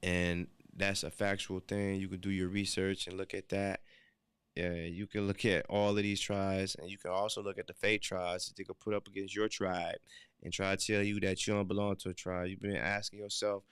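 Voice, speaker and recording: A man talks alone on his podcast in a low, smooth and resonant voice. He preaches earnestly but loosely, leaning on fillers and restarting his sentences. He repeats phrases to drive points home, and the sound is close and dry. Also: little pitch movement, normal speed, a bit bright, no room sound. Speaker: podcast host. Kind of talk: solo podcast monologue.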